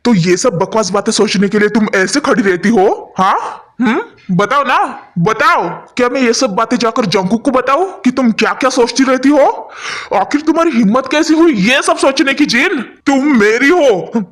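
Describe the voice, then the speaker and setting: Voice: mid-range voice, moderate pace, a bit bright, natural voice. A performer voicing a devoted young man who scolds his partner fondly and demands promises, in a fan voice-dub story. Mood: scolding. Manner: scolding yet affectionate.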